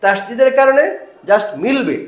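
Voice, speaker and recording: A man's voice: extremely high pitch, moderate pace, reverberant. A man teaching Quran recitation step by step, asking questions and answering them himself.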